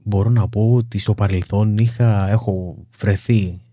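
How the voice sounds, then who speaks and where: Calm low-voiced man coaching on anxiety. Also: dry recording, studio quality. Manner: calm, explanatory, steady teaching with lists and examples. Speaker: weight-loss coach. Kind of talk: self-help talk to camera.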